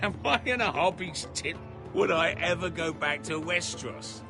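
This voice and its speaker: An actor playing a brutal, scarred sellsword captain who swears constantly and makes sudden loud threats. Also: male voice, on the high side, lively intonation, normal speed. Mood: scornful. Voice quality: gravelly. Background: game music.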